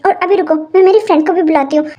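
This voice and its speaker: A woman voicing a hot-tempered young woman who stammers and scolds loudly in a fan audio story. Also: very high-pitched, fairly even intonation, rapid-fire, lo-fi sound. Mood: furious. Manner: shouty, stammering, indignant.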